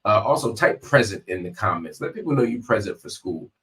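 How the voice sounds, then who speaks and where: Low-voiced man hosting live from a hospital room. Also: big pitch swings, fairly quick, a bit bright, a little hiss or hum. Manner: conversational, emphatic, uses repetition for effect. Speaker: host of a live political commentary show. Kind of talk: live political commentary, direct address to viewers.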